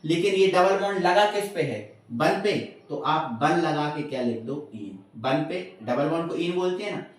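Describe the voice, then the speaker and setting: A man's voice: fairly high pitch, animated, normal speed, few pauses, recorded from a distance. Echoey, off-mic chemistry teacher man. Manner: repeats questions and answers them himself, addresses students as beta and bhaiya; reassuring, tells students not to worry. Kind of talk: informal classroom-style lesson.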